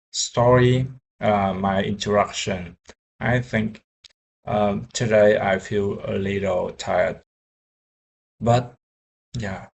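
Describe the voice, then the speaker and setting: A young man, a software engineer learning English, talking casually in a vlog, halting with many fillers and restarts. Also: lowish voice, vocal fry, rough recording.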